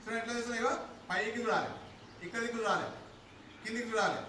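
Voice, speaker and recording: Fifties male exercise instructor, fast high voice, echoey room heard from far off with noise. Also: bright, forceful tone. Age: 50s. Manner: repetitive demonstrating commands to a group. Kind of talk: live exercise class instruction. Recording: echoey, far from the mic, noisy.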